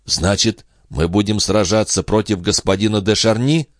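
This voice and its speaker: A man reading a young, naive peasant lad in an audiobook, earnest and excitable, always polite and always hungry. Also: fairly low pitch, moderate pace, dry recording, clean studio sound, voice pushed up, natural voice. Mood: earnest, puzzled.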